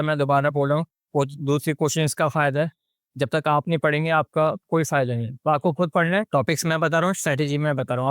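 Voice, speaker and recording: A man's voice: a little high, clean tone, no room sound, clean studio sound. A young man coaching exam aspirants in a lecture, talking bluntly and mixing English phrases into his speech. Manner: direct, blunt, mixes English phrases into Hindi.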